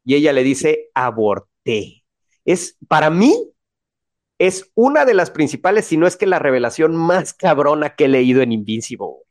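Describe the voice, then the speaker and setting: Excited Mexican man chatting. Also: a little high, normal speed. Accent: Mexican Spanish. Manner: excited, slangy, many restarts. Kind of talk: casual chat.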